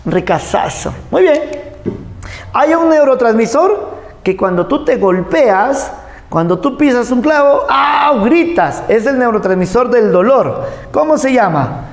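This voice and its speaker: A man with a very high-pitched voice and big pitch swings teaches a lively anatomy class at an unhurried pace, the sound roomy. Playful and jokey, he asks the class questions and acts out cries and gasps.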